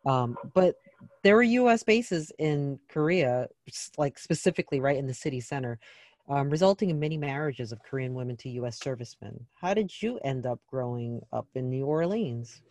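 A man interviewing a guest, asking measured, prepared questions. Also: medium pitch, animated, a little mellow, dry recording.

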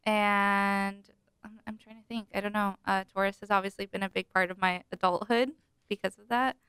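A woman in her twenties answers interview questions casually, pausing to think and laughing easily. Her voice is very clean and crisp. The recording is close and dry. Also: mid-range voice, fairly even intonation, fairly bright tone, dry recording. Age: 20s. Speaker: guest, accounting employee.

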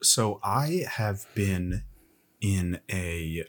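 A man, a comedian guest on a podcast, telling deadpan, self-mocking jokes in casual chat. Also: deep voice, very slow.

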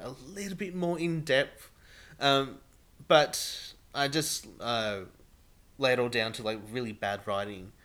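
A man's voice: mid-range voice, a bit bright. A man with an Australian accent hosting a casual podcast chat, rambling and filling his talk with "like". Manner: rambling, heavy use of "like". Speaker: podcast host.

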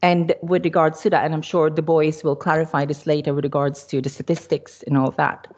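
Low-voiced Filipino woman explaining. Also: little pitch movement, a little fast, darkish tone. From Philippines. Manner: explanatory, hesitant with frequent ums. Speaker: cardiology nurse presenter. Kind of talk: podcast discussion presentation. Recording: dull lo-fi audio.

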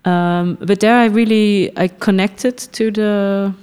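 With a mid-range voice, clean tone and steady delivery, a middle-aged Dutch film festival director talks thoughtfully during a podcast interview. She pauses frequently and laughs softly along the way.

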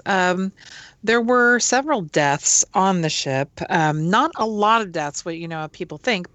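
A woman co-hosting a casual podcast, chatty and halting, with lots of ums and false starts. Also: fairly low pitch, dry recording, muffled recording. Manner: chatty, laughs often, halting with fillers. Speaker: podcast co-host. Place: Seattle.

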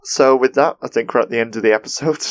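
A man's voice: mid-range voice, fast talker. A man co-hosting a podcast, leading the segments and making dry, wry remarks while chatting casually about cartoons. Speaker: podcast co-host. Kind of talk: casual chat recapping cartoon episodes.

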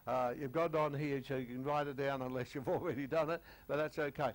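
An older man teaching a sermon, chatty with many fillers, reading scripture slowly, his voice a little croaky. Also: medium pitch, fairly even intonation, poor audio. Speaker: preacher.

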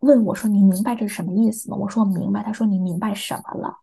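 A woman's voice: medium pitch, fairly even intonation, racing, vocal fry, mellow, breathy edge. A young woman from China, a podcast interview guest, hesitantly recounting a personal experience and acting out remembered dialogue.

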